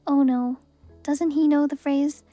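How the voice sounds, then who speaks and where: A young woman reading a book aloud in a soft, even ASMR reading voice. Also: sits high, measured pace, faint music behind. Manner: soft, even reading voice with brief laughs at the text.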